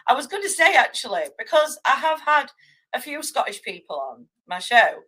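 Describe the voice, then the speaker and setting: A woman's voice: sits high, sing-song, moderate pace, sharp tone, poor audio. A woman hosting an informal interview as a casual chat, with a giggly, informal manner. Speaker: interviewer, show host.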